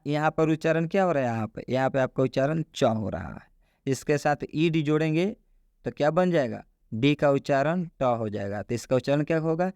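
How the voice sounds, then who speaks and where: A man teaching English pronunciation, speaking slowly and repeating himself, often asking the viewer questions. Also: a little high, a little mellow, smooth, no room sound, clean studio sound. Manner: slow and repetitive, quizzing the viewer with questions. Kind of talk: classroom-style explanation in Hindi.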